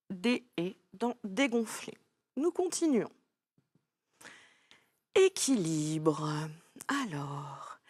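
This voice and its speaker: Woman teacher talking to little kids, super slow and patient, lots of praise, very sing-songy. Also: a little high, darkish tone, dry recording. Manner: slow, patient, encouraging, addresses the child directly. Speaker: primary school teacher. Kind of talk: recorded lesson for young children.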